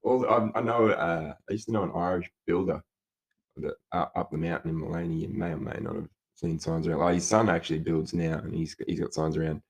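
A young Australian man co-hosting a podcast, chatting casually and rambling through stories with swearing and quick put-on voices. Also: low-pitched, fairly even intonation, creaky. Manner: loose, rambling storyteller who swears and puts on voices for quotes. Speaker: podcast co-host. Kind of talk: casual chat.

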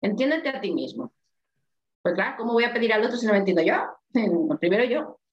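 A woman with a strong, loud voice, thinking aloud expressively in a casual group discussion. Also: medium pitch, fast talker, slight background noise. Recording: echoey, dull lo-fi sound.

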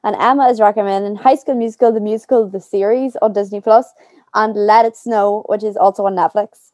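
A woman's voice: mid-range voice, steady tone, fairly quick, a little mellow, no echo. A woman with an Irish accent, hosting an entertainment show and interviewing guests. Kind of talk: magazine show presenting.

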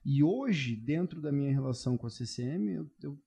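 Mellow-voiced man, slangy and loose. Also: medium pitch, normal speed, gravelly, slightly rough. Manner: slangy, swears freely, animated storytelling. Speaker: podcast co-host. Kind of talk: casual chat.

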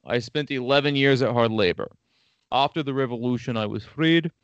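A man's voice: mid-range voice, a little fast, no room sound, lo-fi sound, close to an everyday voice. A man putting on a silly exaggerated foreign accent to voice a defiant female revolutionary prisoner reading her statement.

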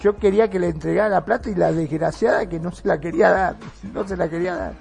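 Gravelly woman telling a story. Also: lowish voice, fast, soft background music. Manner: animated anecdote teller, shouts out quoted lines. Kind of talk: casual storytelling.

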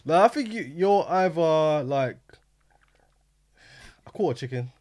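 A young man chatting with friends, giving slightly hesitant, measured explanations. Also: a little high, animated, a little mellow. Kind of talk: casual banter among friends.

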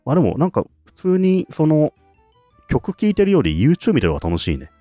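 A man's voice: fairly high pitch, wildly swooping pitch, fairly quick, mellow, dry recording, faint music behind. A man co-hosting a casual podcast chat, talking enthusiastically and laughing often. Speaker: podcast co-host.

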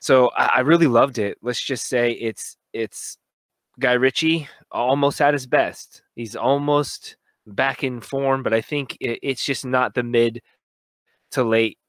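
A man co-hosting a casual movie review, talking in an excited, rambling way and often correcting himself. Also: medium pitch, unhurried, no room sound. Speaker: film review co-host.

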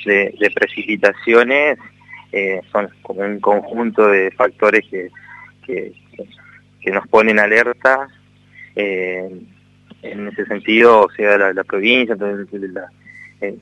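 Halting Argentine man, bright dry voice. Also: fairly low pitch, dry recording, poor audio. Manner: halting, many fillers and repeated words. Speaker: provincial civil defense official. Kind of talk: radio interview answers.

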